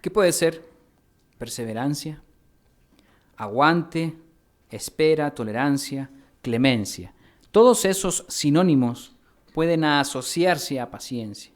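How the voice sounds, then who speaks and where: A man from Mexico, a pastor preaching a teaching sermon, spelling out words slowly and putting questions to his congregation. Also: a little high, animated. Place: church hall.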